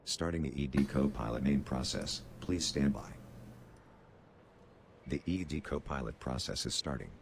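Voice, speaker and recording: A synthetic male computer system voice read by a text-to-speech engine reports its processes starting. It sits extremely low and sounds gravelly. The delivery is flat and mechanical, with a faint hiss behind it. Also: moderate pace, long pauses.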